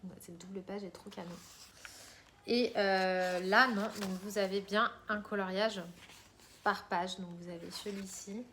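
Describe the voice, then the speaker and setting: A woman's voice: medium pitch, fairly even intonation, unhurried, bright, forceful tone, slight background noise. A woman vlogger chatting casually about her coloring purchases, rambling with many fillers and restarts. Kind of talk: casual chat showing purchases.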